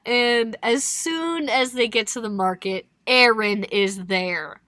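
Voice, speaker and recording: A woman's voice: a little high, slow pace, no echo. A young woman co-hosting a podcast, recapping a novel in casual chat with lots of laughter and swearing. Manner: laughing, animated storytelling with expletives. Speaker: podcast co-host.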